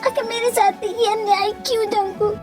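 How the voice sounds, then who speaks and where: A grieving young wife, played by a woman speaks in a high voice, tearful and pleading. Soft music sits faintly behind this fan-dubbed romantic audio drama. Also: moderate pace. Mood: despairing.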